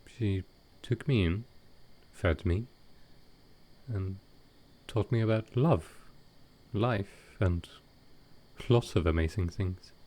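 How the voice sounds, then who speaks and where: In an intimate audio roleplay, a man with a fairly low voice plays a gentle, wistful ancient vampire. He is soft-spoken and hesitant, speaking with halting pauses.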